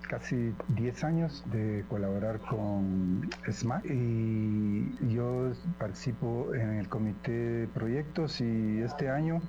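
A man's voice: mid-range voice, slow, few pauses, highs cut off, noisy background. A man from Guatemala, board member of an aid association, answering with many fillers. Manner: hesitant, frequent fillers. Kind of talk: interview answers.

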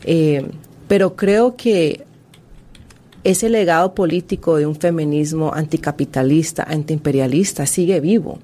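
In a deep voice with a dark tone, this historian and author, born in Colombia, responds to an interviewer's questions. She is earnest and measured, though she frequently restarts what she's saying.

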